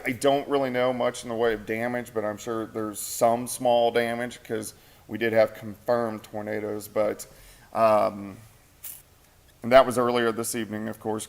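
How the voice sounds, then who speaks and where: Late at night in the station's weather center, a weatherman reads viewer comments and muses out loud on live TV, worn out and hungry. His voice is on the low side, gravelly, level in tone and a little slow. He's sharing a mic.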